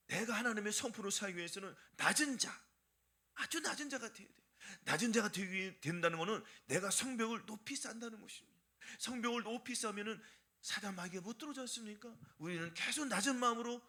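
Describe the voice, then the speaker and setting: A man's voice: sits high, pushed and bright. A male pastor preaching a fervent sermon full of rhetorical questions to his congregation.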